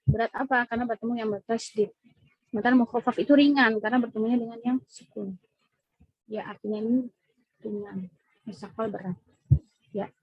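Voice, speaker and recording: Patient woman teaching, husky voice. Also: a little high, steady tone, a little fast, long pauses, no room sound, lo-fi sound. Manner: patient, repeats points with frequent "ya" checks. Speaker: Quran recitation teacher. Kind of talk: classroom tajwid lesson. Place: mosque classroom.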